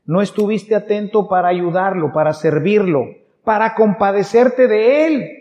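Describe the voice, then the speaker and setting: In a high-pitched, mellow voice that runs a little slow, a man with a Mexican Spanish accent gives a conversational sermon, acting out small scenes from daily life. The audio is dull, with a long hall reverb.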